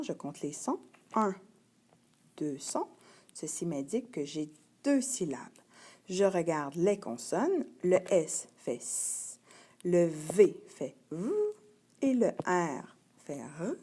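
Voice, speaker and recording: A woman teaching a young child to read, sounding out letters and syllables slowly and clearly. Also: fairly low pitch, big pitch swings, mellow. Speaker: primary school teacher. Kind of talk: slow patient reading lesson.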